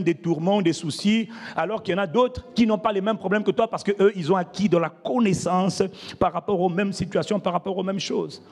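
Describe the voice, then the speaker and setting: A man's voice: high-pitched, a little mellow, big-room sound. A man preaching a sermon as pastor, emphatic and calling out to the congregation. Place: church.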